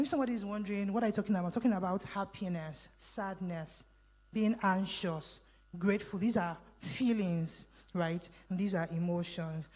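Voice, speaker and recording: A woman's voice: medium pitch, a little mellow, low-quality recording. Woman speaker, Bible teaching talk, reads verses and explains them, keeps asking the audience questions. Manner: quizzes the audience with call-and-response questions. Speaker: relationship speaker teaching a meeting.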